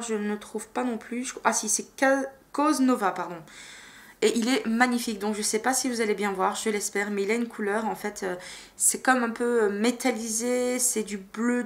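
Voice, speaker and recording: A woman vlogger chatting casually and enthusiastically about her makeup purchases, with lots of fillers and hesitations. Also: fairly high pitch. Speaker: beauty vlogger. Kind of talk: casual vlog chat.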